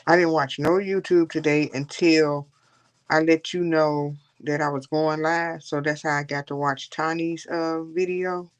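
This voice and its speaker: A woman's voice: low voice, steady tone, unhurried, clear, resonant tone. A woman hosting a casual coloring livestream, rambling and chatting with her viewers. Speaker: livestream host.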